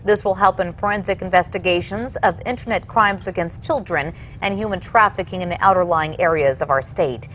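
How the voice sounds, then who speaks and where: A woman's voice: lowish voice, a little fast, hardly any pauses, a bit bright, slight background noise. A woman working as a news anchor, reading scripted television news stories.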